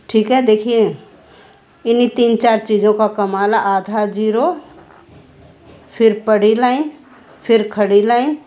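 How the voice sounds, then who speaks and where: A woman teaches handwriting, naming each stroke as she writes it. She speaks slowly and calmly, repeating the steps patiently, and her pitch sits in an ordinary middle range. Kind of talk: handwriting lesson.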